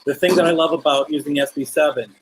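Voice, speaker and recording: A man's voice: a little high, steady tone, fast talker, a little hiss or hum, low-quality recording. A man hosting a live paranormal session, chatting casually and putting questions to spirits and viewers. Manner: conversational, addressing unseen listeners with questions. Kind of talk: casual live-stream chat, calling out to spirits.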